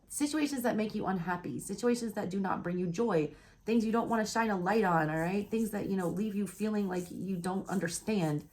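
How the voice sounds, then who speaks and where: A woman's voice: medium pitch, darkish tone. A woman with a Southern US accent giving a blunt, casual tarot reading, swearing freely and checking in with "all right?" while hiccuping. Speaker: tarot reader.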